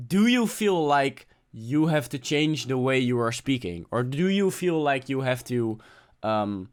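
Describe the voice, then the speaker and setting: A young man talking unscripted to camera, giving presentation tips in a relaxed, conversational way with many fillers and restarts. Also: a little high. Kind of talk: unscripted casual talk to camera.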